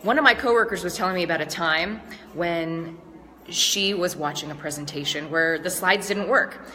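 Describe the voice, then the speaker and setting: Congested female speaking coach, bright and upbeat, chatty, long hall reverb. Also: lowish voice, normal speed, soft background music. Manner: upbeat, chatty, asks the viewer questions. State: congested from allergies. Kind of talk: casual tips vlog. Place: large stage venue.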